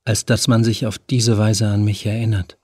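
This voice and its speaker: A man voicing a frightened, exhausted young woman who pleads faintly in a breathy voice. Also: on the low side, flat delivery, moderate pace, dark tone, no echo, clean studio sound, natural voice. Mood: frightened pleading.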